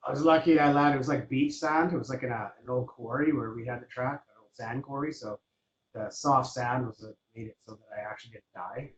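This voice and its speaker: A man, a guest in a casual interview, telling his story in a relaxed, rambling way full of fillers. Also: mid-range voice, a little fast, muffled recording. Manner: relaxed and rambling, with many fillers like "you know".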